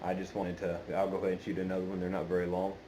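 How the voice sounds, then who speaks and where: Low-voiced man, halting casual chat, noisy recording. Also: completely flat delivery, warm tone. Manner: hesitant, meandering, halting delivery. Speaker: pipe-smoking video channel host. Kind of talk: casual unscripted chat to viewers. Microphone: phone. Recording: clearly noisy amateur phone recording.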